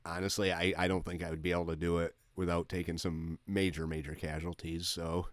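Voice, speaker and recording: A man giving casual, low-key commentary on his own gameplay, thinking aloud as he goes. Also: flat delivery, a little fast, a little hiss or hum.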